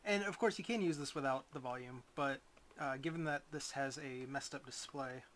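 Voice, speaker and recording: A man talks through a gadget in a casual, unscripted review. His delivery is hesitant and rambling, broken by frequent pauses, at a medium pitch. Faint noise and clicks sit behind his voice.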